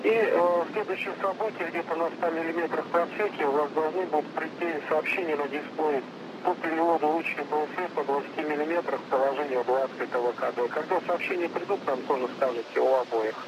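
A man's voice: fairly high pitch, fairly even intonation, a little fast, dull audio. A man working as a mission control operator, giving businesslike step-by-step procedural instructions and acknowledgements over a radio link. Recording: noisy radio link, clear background hiss.

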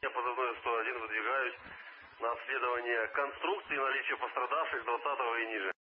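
Heard through a muffled two-way radio with a faint hiss, a firefighter crew leader speaks quickly in a steady, mid-range voice. His reports are brief and formal, using call signs and signing off each one with "over."

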